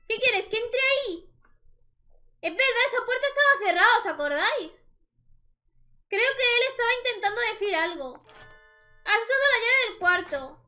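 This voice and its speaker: A woman's voice: very high voice, pushed and bright. A young woman with a Spain Spanish accent gives chatty gameplay commentary, exclaiming at the screen and talking to her viewers. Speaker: let's play host.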